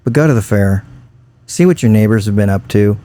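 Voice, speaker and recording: A man's voice: on the low side, expressive, a little fast, dark tone. A man co-hosting a local podcast in casual chat, a news writer who tells stories in a dry, explanatory way.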